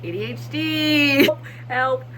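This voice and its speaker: A young woman vlogging in a casual, excitable way, chatting quickly and nervously with frequent laughs. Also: sits high, a little hiss or hum, rough recording. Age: young adult. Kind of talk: casual vlog chat.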